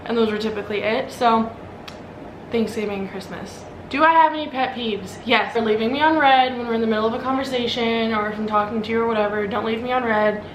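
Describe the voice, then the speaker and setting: Answering questions about herself in a casual Q&A vlog, an early-twenties woman from Omaha, Nebraska, speaks with an American accent in a rather high, steady voice at a quick pace. She's informal and rambling, leaning on "like", and the room echoes with clear background noise.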